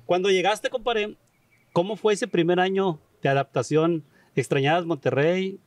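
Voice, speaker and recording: A man's voice: sits high, normal speed, no echo. A man hosting a casual interview, talking in slang and calling his guest "compadre". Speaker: podcast host.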